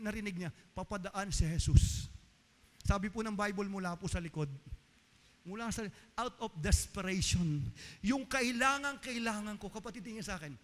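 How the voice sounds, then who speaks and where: A man's voice: high voice, fairly bright tone, long reverb tail. A man preaching a fervent sermon and mixing in English, who keeps calling out to the congregation as his beloved. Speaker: pastor.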